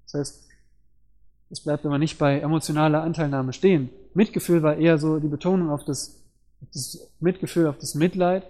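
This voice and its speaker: A man's voice: fairly high pitch, fairly even intonation, a little fast, dark tone. A man preaching a sermon in earnest, explaining scripture and word meanings and asking his listeners rhetorical questions.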